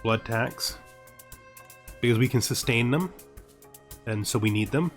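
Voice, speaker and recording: Background music accompanies a man's gaming commentary, which opens with scripted intro narration before he thinks aloud as he plays as the series host. He speaks at a measured pace in a medium-pitched voice.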